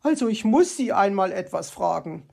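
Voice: mid-range voice, sing-song, normal speed, gravelly, darkish tone, exaggerated voice. A reader voicing a nosy, know-it-all female magpie who questions and lectures in a storybook reading. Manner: bossy, inquisitive.

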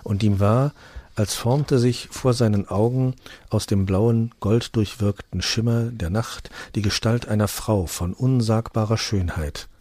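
A man reading a fairy tale aloud in a calm, measured storytelling manner into a close microphone. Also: lowish voice, dry recording. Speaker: reader.

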